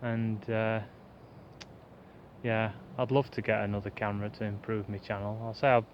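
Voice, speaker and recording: Fast-talking man rambling outdoors. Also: on the low side, level tone, a little hiss or hum. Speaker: bushcraft vlogger. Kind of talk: casual rambling chat to camera. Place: outdoors in a pine woodland. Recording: dull lo-fi outdoor recording, faint woodland ambience.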